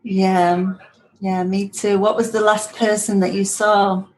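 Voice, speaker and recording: Podcast konuğu olarak coşkuyla sohbet eden, orta perdeden sesli bir kadın. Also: female voice, mid-range voice, little pitch movement, slow, slight background noise, rough recording. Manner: enthusiastic, gushing, talks in flowing run-on sentences. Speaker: yoga teacher, guest. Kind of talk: casual podcast chat.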